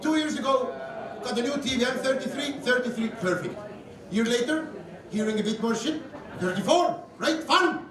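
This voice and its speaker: A man's voice: very high-pitched, normal speed. A man in his mid thirties with an Estonian accent and Estonian as his native language, doing dry, self-deprecating stand-up comedy. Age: mid 30s. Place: comedy club stage with audience. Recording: echoey club from far off, loud crowd.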